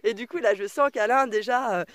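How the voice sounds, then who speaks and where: A woman vlogger and mother telling a story to camera in a casual, slangy and very expressive way. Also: a little high, brisk, dry recording. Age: adult mother of a son.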